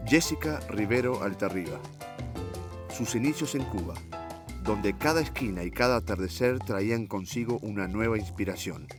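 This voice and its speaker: Deep-ish guy narrating a documentary intro, dramatic, music clearly under it. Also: normal speed. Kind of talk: scripted narration.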